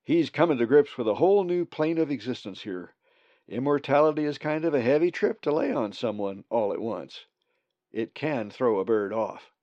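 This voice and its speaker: A man's voice: mid-range voice, lively intonation, moderate pace, darkish tone, dry recording, voice pushed up, natural voice. A man voicing a laid-back male raven who talks in easygoing hippie slang. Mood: mellow. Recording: dull dry lo-fi recording.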